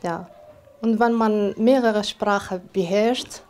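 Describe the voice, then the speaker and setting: A mother from Algeria speaks. Her talk is plain and earnest, at a middle pitch. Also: slow, a little mellow, slight background noise. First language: Arabic. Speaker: parent. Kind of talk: documentary interview.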